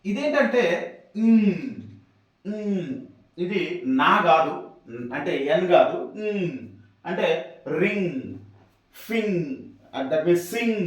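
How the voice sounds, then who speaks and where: A man teaching English sounds step by step, pausing often to remind his students what to remember. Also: high-pitched. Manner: explaining step by step, repeating reminders. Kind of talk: classroom lesson. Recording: echoey room, voice from far off.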